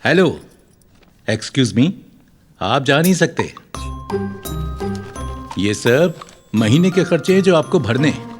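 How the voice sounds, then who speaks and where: A man's voice: medium pitch, big pitch swings, slow pace, long pauses. A man voicing an eager, polite middle-aged father who has joined a college, in a dubbed film with music behind. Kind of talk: Hindi film dub.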